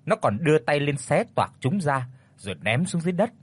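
A man narrating a ghost story in a dramatic, expressive way. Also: a little high, brisk, slightly rough, no echo. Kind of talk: scripted horror story narration.

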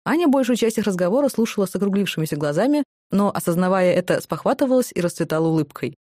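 A woman reading scripted audiobook narration in an even storytelling way. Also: mid-range voice, fast, dry recording, clean studio sound.

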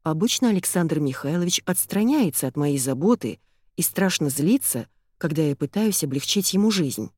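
A woman narrates a first-person audiobook with an expressive, excitable delivery. Her voice sits somewhat low but swings widely in pitch. The recording is close and dry. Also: normal speed, husky, dry recording.

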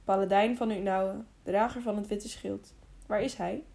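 A woman reading an old male hermit in an audiobook, speaking softly and solemnly. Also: medium pitch, steady tone, normal speed, gravelly, lightly acted.

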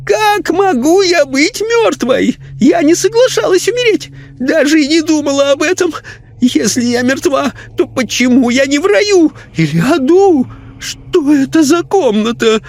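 A man voicing a frightened, bossy elderly lady spirit who talks in a shrill, panicky, scolding way. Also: big pitch swings, takes it slowly, full character voice. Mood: panicked.

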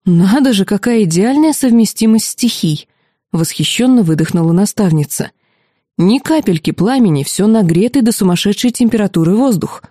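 A quick-witted marquise mentor, eager about magic and snarky toward others, voiced by a woman reading an audiobook. Her tone is mellow and dark, and the recording is dry and close. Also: mid-range voice, animated, breathy edge, no echo. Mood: delighted. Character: sly, enthusiastic woman mentor, a marquise mage.

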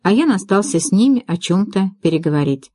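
A woman narrating an audiobook in an even storytelling manner. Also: medium pitch, fairly quick, husky, dry recording, clean studio sound. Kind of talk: scripted narration.

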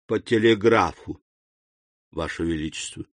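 A man's voice: a little high, expressive, moderate pace, fairly bright tone, dry recording, studio quality. A man voicing a panicked, groveling police minister who stammers and pleads before his king. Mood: ashamed.

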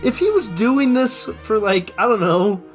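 A man co-hosting a comedy podcast, teasing quickly and laughing at his own jabs in casual chat. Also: high voice, lively intonation, faint music behind. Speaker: podcast co-host.

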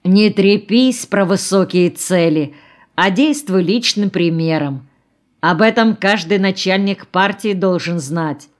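A woman's voice: mid-range voice, slow, natural voice. A woman reading the part of a moralizing, melancholy male geologist who speaks in sententious maxims, in an audiobook. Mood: preachy. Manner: sententious, preachy.

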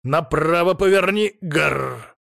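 A jittery flying familiar spirit of an audiobook, calling out quick, eager directions in a high, keyed-up voice, as a male reader puts him on. His cawing urgency rings in a dry, close recording. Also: creaky, dry recording, heavily acted. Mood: excited. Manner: eager, urging, quick shouts. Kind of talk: audiobook character voice.

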